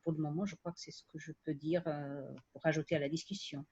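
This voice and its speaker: A woman's voice: low-pitched, steady tone, quick pace, a little mellow, breathy edge, dull audio. A woman who is not a native French speaker, with a foreign accent in French, speaking unscripted at an academic round table and often restarting as she searches for words.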